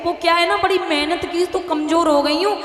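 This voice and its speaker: A humble old village mother, put on by a woman storyteller, pleading in homely speech. The voice sits high and bright. It rings out in an echoey hall with a long tail. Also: fairly even intonation, moderate pace, faint music behind.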